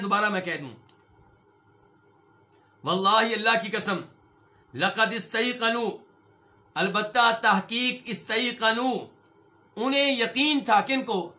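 A middle-aged Islamic scholar and hadith teacher gives a religious lesson in a voice unusually high for a man, bright and sharp. He reads each Arabic phrase slowly before explaining its meaning, and he repeatedly asks questions of his listeners, calling them brothers, then answers them himself.

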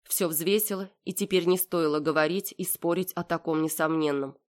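Low-voiced woman narrating a story. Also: fairly even intonation, moderate pace. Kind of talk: audiobook narration.

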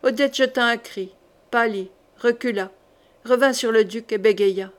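Higher-pitched woman reading a novel aloud. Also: a little slow. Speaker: audiobook reader. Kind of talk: scripted narration of a historical novel.

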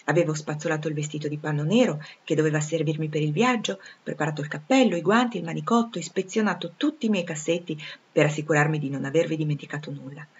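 Low, husky woman reading a novel. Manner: measured, even reading. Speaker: audiobook reader. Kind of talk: literary audiobook narration. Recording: dull lo-fi recording.

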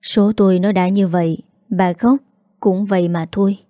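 A woman voicing a frail, sick old father who speaks softly and wearily. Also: mid-range voice, steady tone, normal speed, no echo, studio quality, close to an everyday voice. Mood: weary tender.

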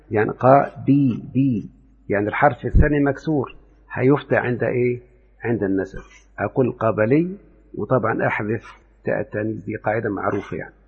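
A man with an Egyptian Arabic accent gives a grammar lesson, explaining step by step and often quizzing his students. His voice is gravelly and husky. The recording sounds thin and phone-like, with a long reverb tail. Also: medium pitch. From Upper Egypt. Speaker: grammar teacher. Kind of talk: classroom lecture on Arabic morphology.

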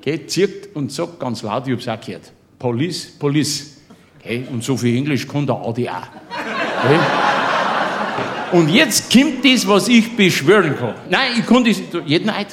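A man's voice: a little high, expressive, normal speed, fairly bright tone, a little hiss or hum. Laughing Bavarian man telling a tale. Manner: boisterous, keeps laughing through his own tale; chummy asides to the listener. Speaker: comic storyteller. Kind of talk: comic monologue in dialect.

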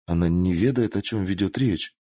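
A man's voice: low-pitched, moderate pace, breathy edge, no room sound. A man voicing a meek, timid young maid. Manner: soft, meek, murmuring. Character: timid, pale young female servant.

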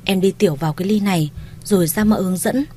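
A woman voicing a kind, shrewd young mistress of a household, speaking in a gentle, coaxing, reassuring way. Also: medium pitch, fast talker, slight background noise, lightly acted.

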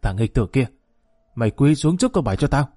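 A man's voice: medium pitch, sing-song, a little fast, dark tone, no echo, clean studio sound. A man voicing a stern old male war veteran in an audio story, blunt and scolding, his voice raised above his narration.

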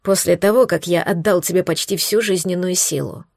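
Lady reading as a hoarse weak hurt guy, slow and strained, dry close sound. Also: on the low side, a little mellow, dry recording. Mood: weary. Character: hoarse, weak wounded young man.

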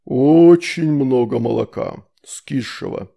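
A man reading an audiobook, voicing a huge grumpy demon uncle who drawls slow threats. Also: a little high, expressive, gravelly, warm tone, breathy edge, heavily acted.

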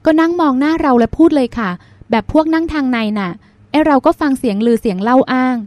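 A woman reading as a chatty young woman, high and dry. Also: lively intonation, fast, darkish tone, no echo. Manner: polite chatty storytelling. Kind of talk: audiobook dialogue.

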